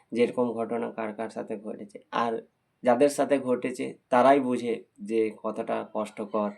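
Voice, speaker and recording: A man's voice: fairly low pitch, gravelly, a little mellow. A young man telling viewers a personal story in a heartfelt, repetitive way. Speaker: vlogger.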